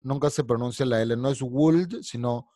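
A man's voice: mid-range voice, little pitch movement, a little fast, darkish tone, no echo. Male English teacher, online class, patient explaining, dry close sound.

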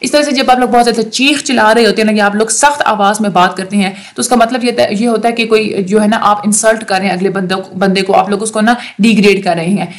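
A woman giving a fast exam-prep lecture, often stopping on fillers and restarting phrases. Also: mid-range voice, steady tone. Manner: fast talker with many fillers.

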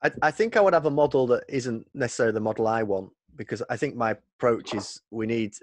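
A man's voice: mid-range voice, dry recording. A man with a Northern English accent, a guest in a podcast interview, talking casually and restarting his sentences often. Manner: halting, repeats words, restarts often. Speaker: guest, policy advocate.

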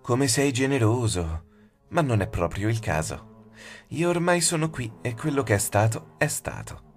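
A man voicing a sinister faceless shadow woman who speaks softly, taunting and cold, in an audiobook. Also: medium pitch, very animated, measured pace, soft background music, pitched above the performer's own voice. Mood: mocking. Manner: soft, taunting, half-whispered. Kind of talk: audiobook character voice.

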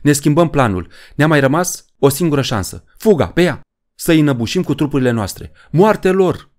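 A man voicing the writer Poe as a fierce, shouting figure in a horror audiobook. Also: medium pitch, pitched above the performer's own voice, natural voice. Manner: raised, shouting. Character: old male witch-hunted writer Poe, fierce.

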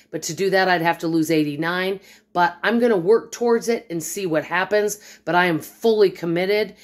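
A middle-aged woman chatting casually to viewers in a vlog, upbeat and friendly, filmed on a phone at arm's length in her home kitchen. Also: on the low side. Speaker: vlogger. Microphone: phone held at arm's length.

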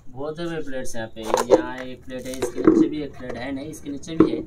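A man's voice: mid-range voice, fast, very noisy. A man chatting casually on his vlog, rambling and repeating himself as he calls his viewers brother, filmed outdoors on a rooftop with a phone. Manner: rambling, repetitive, addresses viewers as bhai. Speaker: vlogger. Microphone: phone camera.

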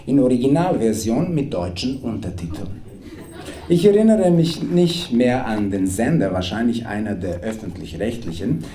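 A very animated, low-leaning, dark voice belongs to a Serbian-born man in his thirties reading his own comedy aloud at a club table mic, playful and wry, at normal speed. Audience noise and laughter echo around the roomy room.

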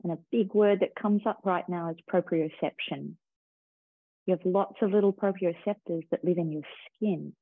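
A woman teacher slowly guiding a breathing and body-awareness meditation in a calm, soothing way. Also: on the low side, slightly rough, no room sound. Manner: slow, calm, soothing guidance. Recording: tinny phone-like sound.

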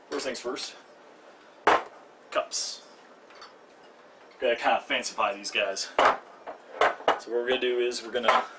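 Jokey young man cooking, distant noisy mic. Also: medium pitch. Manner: chatty, self-mocking, jokey asides. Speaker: cooking stream host. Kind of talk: casual live cooking demo. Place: home kitchen, indoors.

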